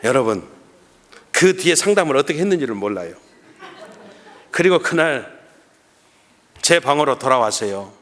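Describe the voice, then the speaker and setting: A man's voice: medium pitch, normal speed, long pauses. A middle-aged man preaching at a revival meeting, telling a story and acting out his own prayers for the congregation. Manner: animated, acts out his own prayers and shouts; addresses the congregation often. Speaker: guest pastor at a revival meeting. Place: church sanctuary. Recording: long church reverb.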